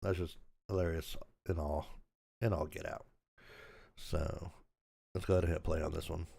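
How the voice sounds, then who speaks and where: An older man hosting a casual livestream, his voice raspy from a recent sore throat, rambling easily and laughing at himself. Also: low-pitched, steady tone, moderate pace, warm tone. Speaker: channel host.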